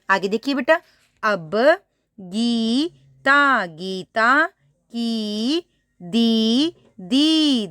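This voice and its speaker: A woman teaching a first-grade reading lesson, saying each word slowly and twice, then explaining to the child with questions. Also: fairly high pitch, a bit bright, no room sound, studio quality. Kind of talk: primary school reading lesson.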